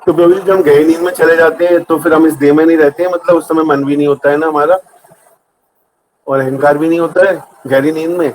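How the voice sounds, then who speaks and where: A man's voice: on the high side, fairly even intonation, fast talker, a little hiss or hum, poor audio. Hesitant man asking spiritual questions. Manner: hesitant, filler-heavy questions, many soft "hmm" acknowledgements. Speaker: questioner at a satsang.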